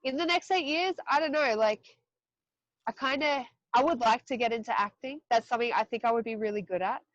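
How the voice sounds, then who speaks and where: A woman's voice: on the high side, fairly quick, dry recording, muffled recording. A woman in her thirties from Australia, a podcast guest chatting candidly and loosely, with swearing and laughing asides. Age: 30s. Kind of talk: casual interview chat.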